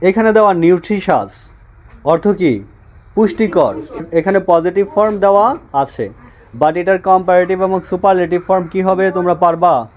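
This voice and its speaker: A man teaching an English grammar lesson in class. He asks questions, answers them himself, repeats phrases slowly and drills his students. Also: sits high. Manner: drills students with call-and-response.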